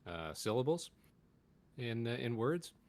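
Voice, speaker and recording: A man's voice: medium pitch, very animated, a little slow. A man, a player in a tabletop game, explaining something hesitantly with many fillers. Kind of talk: casual chat.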